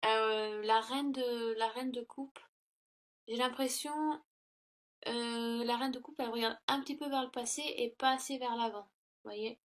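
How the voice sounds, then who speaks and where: A woman's voice: on the high side, steady tone, unhurried. A woman giving a casual tarot reading to her laptop, hesitant and full of fillers and self-corrections. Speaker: tarot reader. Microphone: laptop built-in mic.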